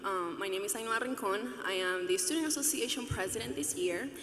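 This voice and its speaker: A woman's voice: mid-range voice, brisk, a bit bright. A young woman from Venezuela speaks at a podium in a big arena, earnest and chatty, with a touch of humor. Her voice carries a roomy echo and a long hall reverb, with a faint ambient hum underneath. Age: 20s. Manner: earnest, conversational, lightly humorous. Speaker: student commencement speaker. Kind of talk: graduation speech. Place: large arena stage, at a podium. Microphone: podium microphone.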